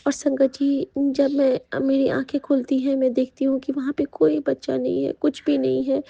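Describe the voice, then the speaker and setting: A woman speaks in a high but level voice, giving a heartfelt devotional testimony to her congregation. Her tone is mellow and the sound is dry and a little muffled. She hesitates often with soft fillers. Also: gravelly, dry recording. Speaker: devotee sharing a satsang testimony. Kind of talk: devotional testimony, addressing the sangat.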